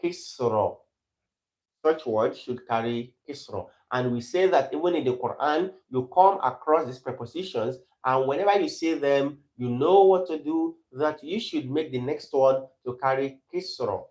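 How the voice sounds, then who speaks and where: A man's voice: mid-range voice, darkish tone. Man teaching Arabic in an echoey room. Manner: repeats example phrases slowly, then explains. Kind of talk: grammar lesson.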